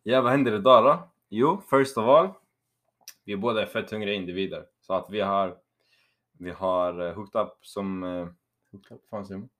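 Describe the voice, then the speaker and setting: Laid-back young man, fairly low voice. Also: fairly bright tone. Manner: playful, mixes in English words, laughs often. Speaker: podcast co-host. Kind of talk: casual podcast chat.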